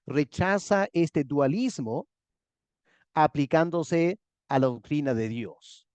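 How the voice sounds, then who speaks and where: A pastor giving a structured theology lecture, a man who talks in measured steps, repeats key words and checks in with his listeners. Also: fairly high pitch, a little mellow, no echo, highs cut off. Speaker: pastor lecturing a master class.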